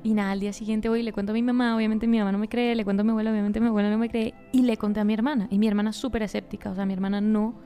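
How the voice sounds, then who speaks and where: Young woman, lively ghost-story chat. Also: mid-range voice, very fast, few pauses, smooth, soft background music. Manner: animated storyteller, acts out quoted lines. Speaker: podcast co-host.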